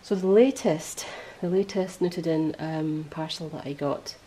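A woman hosting a podcast in casual chat, rambling and correcting herself as she goes, her voice a little hoarse. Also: low voice, a little slow, mellow, low-quality recording. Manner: chatty, rambling, self-correcting. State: voice going hoarse. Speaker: podcast host.

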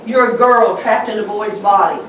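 A woman pastor with a Southern accent preaching a sermon slowly and emphatically. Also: mid-range voice, fairly bright tone, a little hiss or hum. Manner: slow, emphatic preaching with pauses. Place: church sanctuary. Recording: echoey church hall, mic from a distance.

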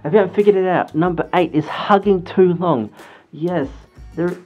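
A man in a fursuit talks through the muffling costume head, handing out casual advice in a rambling vlog style and laughing often. His voice is high and his pace normal, with music playing in the background.

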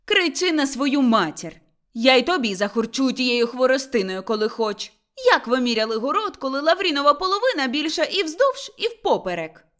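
A woman voicing a combative young village wife who shouts and scolds in a high, loud voice. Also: very animated, normal speed, hardly any pauses. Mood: shrill scolding.

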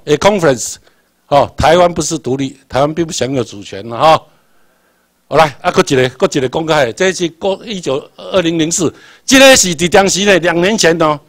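Man, Taiwanese accent, classroom lecturer, fairly high voice, dry close sound, repeats himself. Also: dry recording. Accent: Taiwanese Hokkien. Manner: repetitive, quizzes the class, spells out English letters.

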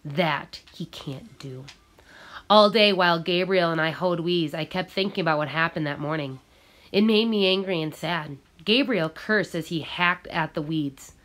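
An audiobook reader with a voice on the low side reads a novel aloud in a measured, expressive way.

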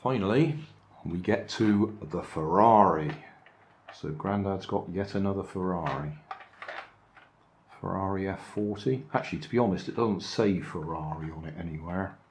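An older vlogger sits indoors at a table, hands on camera, casually narrating his charity shop finds with dry, chatty, musing asides. His voice is low and his pace normal, with slight background noise.

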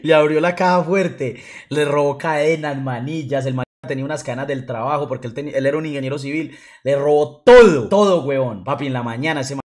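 A young man with a Colombian accent, telling a story on a livestream in a profane, slang-filled, animated way. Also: medium pitch, fast talker. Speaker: streamer. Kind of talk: casual storytelling on stream.

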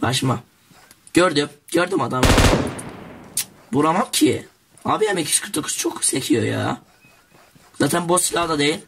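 A teenage boy casually commenting on his own gameplay, excitable and jokey, talking straight to his viewers. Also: fairly high pitch, moderate pace, vocal fry, pauses often, noisy background. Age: teens. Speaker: gaming YouTuber.

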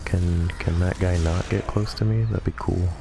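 A man commentating on a video game in a hushed golf-commentator style, deadpan, joking and profane, with a gravelly voice. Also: moderate pace. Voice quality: very deep, gravelly. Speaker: gamer commentating over play. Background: game music.

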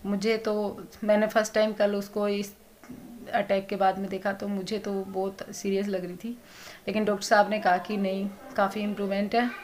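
A woman giving a soft-spoken, worried family update in a casual vlog, rambling on in long runs. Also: mid-range voice, little pitch movement, normal speed, slight background noise. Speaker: vlogger.

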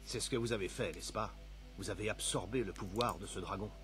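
An actor playing an awestruck medieval fantasy town guard in a video game, speaking in a solemn, measured way. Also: male voice, fairly low pitch, fairly bright tone, lightly acted. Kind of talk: video game character dialogue. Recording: music behind the voice.

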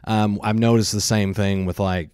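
Studio co-host, man, earnest and chatty, lowish voice, dry close sound. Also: little pitch movement, normal speed, darkish tone, clear, resonant tone, no room sound. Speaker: podcast co-host. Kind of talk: casual podcast chat.

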